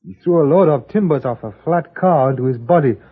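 A deferential, husky young servant. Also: male voice, on the high side, animated, exaggerated voice. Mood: earnest. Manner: deferential, halting broken English. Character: humble young male hotel servant, grieving. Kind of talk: 1950s radio drama acting. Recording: tinny old radio broadcast.

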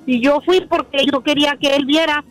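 A woman's voice: sits high, steady tone, normal speed, soft background music. A woman calling in to a radio show, telling her story in a frank, matter-of-fact way. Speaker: caller. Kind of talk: call-in story.

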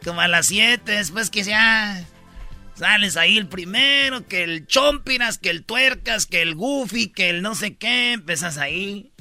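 Male host, Mexican accent, high voice, very bright, slangy comedic banter over music. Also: unhurried. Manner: joking, slangy, with mock-quoted voices. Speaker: show host. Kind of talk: comedic talk-show banter.

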